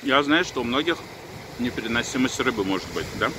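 A man's voice: mid-range voice, brisk. A man chatting casually as a vlogger while chewing food, recorded outdoors by the sea. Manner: relaxed, chatty, swears casually. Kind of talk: casual mukbang vlog. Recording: outdoor wind and sea noise.

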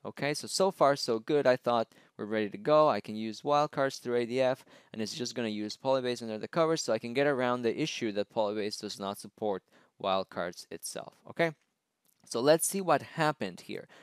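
Man, screencast tutorial, smooth resonant voice, dry close sound, explanatory, keeps asking "right?". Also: mid-range voice, no echo. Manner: explanatory, frequent "right?" and "okay?" checks. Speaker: tech presenter.

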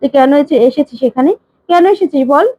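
A woman's voice: high-pitched, fairly quick, dry recording, highs cut off, lightly acted. A woman voicing a stern, furious old grandmother who scolds her son angrily. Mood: angry. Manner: angry scolding.

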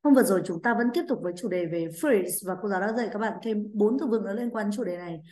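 A woman's voice: medium pitch, racing, darkish tone, slight background noise. Woman teacher with a Vietnamese accent, stretches model words for kids to repeat, roomy echo. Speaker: English teacher. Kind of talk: children's English vocabulary lesson.

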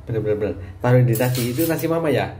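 A man's voice: mid-range voice, expressive, very fast. A man filming his family in a home kitchen with a phone, chatting casually and teasing playfully. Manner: teasing, playful, laughs often. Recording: echoey room with background noise.

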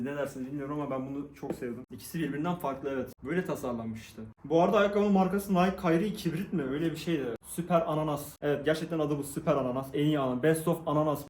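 A man's voice: a little high, a little mellow, echoey room, a little hiss or hum. A young man chatting to viewers in a casual unboxing vlog, joking as he tries things on. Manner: chatty, jokey, addresses viewers. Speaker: vlogger.

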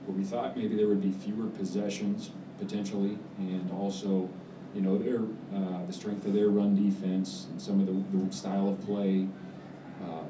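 Man, 40s, coach, deep voice, halting fillers, echoey room, mic at a distance. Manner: measured, halting, many fillers and restarts. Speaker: head football coach. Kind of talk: post-game press conference answers. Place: press room with backdrop, indoors. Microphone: table mic on stand. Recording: roomy, distant mic, background noise.

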